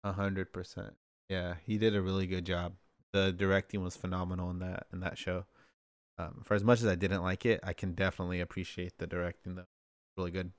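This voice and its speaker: A man's voice: deep voice, flat delivery, a little fast, no echo, studio quality. Laid-back teasing man in casual chat.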